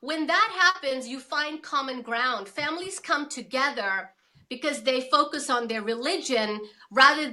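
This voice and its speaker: A woman's voice: sits high, sharp tone. A woman from South Africa, an author speaking as an interview guest in a forthright, emphatic way. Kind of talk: interview conversation.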